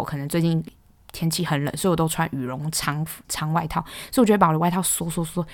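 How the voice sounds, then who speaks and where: A young woman with a Taiwanese Mandarin accent, hosting a podcast and ranting in a casual, exasperated, animated way. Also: lowish voice, no room sound. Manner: exasperated, animated, exclaims loudly. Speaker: podcast host.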